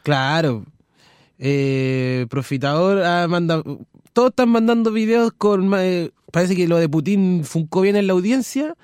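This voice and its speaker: A man's voice: sits high, a little slow, darkish tone, clean tone, no room sound, studio quality. A man with a Chilean accent co-hosting a casual late-night radio show, reading listener messages aloud and stumbling over words. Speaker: radio co-host. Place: community radio studio.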